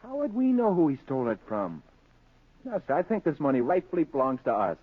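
An American actor playing an excitable, grabby working-class husband who blusters and stammers when nervous, in old-time radio drama style. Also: male voice, fairly high pitch, a little fast, breathy edge. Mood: insistent, self-justifying. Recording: tinny, phone-like old radio recording.

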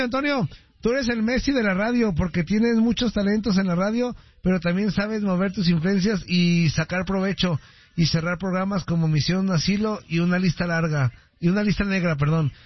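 A man's voice: high-pitched, no room sound. A Mexican man hosting a call-in radio show, reading listener messages with joking, teasing banter. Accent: Mexican Spanish. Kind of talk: casual call-in radio chat. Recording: dull, dry radio sound.

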